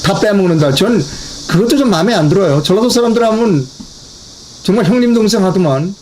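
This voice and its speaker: Talking fast in a high, animated voice with a darkish tone, this commentary channel host presents a Korean political broadcast. He speaks with emphasis, says key phrases over and over, and speaks straight to his viewers.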